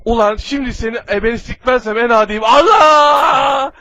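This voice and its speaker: A man dubbing a furious, swearing male cartoon villain who shouts threats in a comedic fan dub. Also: very high-pitched, moderate pace, dry recording, full character voice. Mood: raging.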